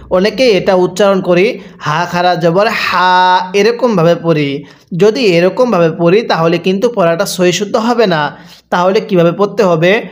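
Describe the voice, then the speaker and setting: A man teaching a Quran recitation lesson, drawing out each syllable slowly for the listener to repeat, then explaining rules more briskly, with a Bangladeshi Bengali accent. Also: sits high. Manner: slow drawn-out syllables for repeat-after-me, brisker when explaining.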